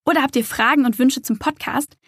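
A woman hosting a podcast, addressing listeners directly in a quick outro. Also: sits high, slightly rough, no room sound, clean studio sound. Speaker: podcast host.

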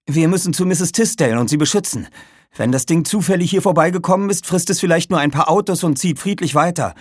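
A man's voice: on the high side, fast, no echo, studio quality, voice pushed up, close to an everyday voice. A man voicing a bossy, impatient boy apprentice mage who talks curtly and commandingly. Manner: curt and commanding.

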